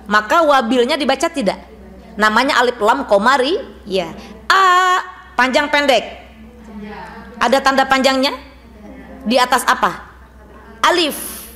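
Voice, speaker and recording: This woman teaches Quran recitation rules to women gathered in a mosque, speaking in a high, bright, forceful voice. She moves briskly, putting questions to the group and drilling their answers as she goes.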